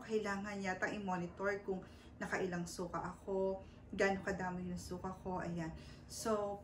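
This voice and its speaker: A woman in her thirties telling a personal story in a casual vlog. She talks politely and hesitantly, with many fillers and English words mixed in. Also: medium pitch. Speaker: vlogger. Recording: roomy, a bit far from the mic, faint background noise.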